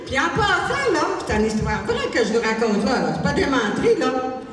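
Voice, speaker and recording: An older Québécois woman tells a stand-up story with a high, animated voice that leaps into exclaims. She is caught from far off in a big theatre, with a long echoing hall sound. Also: fairly quick. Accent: Québécois French. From Quebec. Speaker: amateur stand-up comic. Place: large theatre stage. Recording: echoey hall, far mic.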